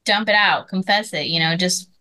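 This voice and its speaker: A woman chatting on a podcast, upbeat, quick to laugh. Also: fairly low pitch, sharp tone. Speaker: podcast guest. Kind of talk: casual chat.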